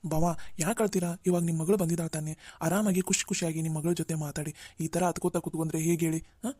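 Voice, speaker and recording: A woman's voice: low-pitched, fairly even intonation, fast talker, dark tone. A woman voicing a helpful young man in a cartoon, who chats and reassures the others. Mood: coaxing. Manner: chatty, reassuring. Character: helpful young man, the father's brother-in-law. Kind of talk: Kannada cartoon voice acting.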